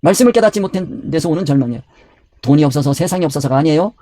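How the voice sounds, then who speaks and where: A man's voice: on the high side, lively intonation, racing, mellow, dry recording, clean studio sound. A man preaching a Bible study sermon. He asks questions and answers them himself, and he repeats his key words. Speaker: pastor.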